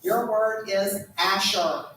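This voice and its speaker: A woman's voice: mid-range voice, slow, a bit bright. A woman leads a school spelling bee as its pronouncer, patient and instructive, explaining rules and calling out words. She is heard from some distance in an echoey school room. A faint hum of background noise sits under her voice. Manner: patient, instructive, repeats "okay?".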